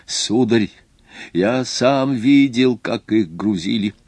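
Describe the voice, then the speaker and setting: A man's voice: mid-range voice, measured pace, no echo, pitched above the performer's own voice, close to an everyday voice. A man doing a fretful Swiss watchmaker. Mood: anxious. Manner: anxious, easily offended. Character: anxious fussy Swiss watchmaker, middle-aged man.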